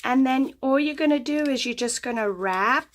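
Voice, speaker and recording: With a voice that sits high and a moderate pace, a woman from the United States walks through a paper craft at her craft table. Her instructions are chatty and step-by-step, though she's losing her voice.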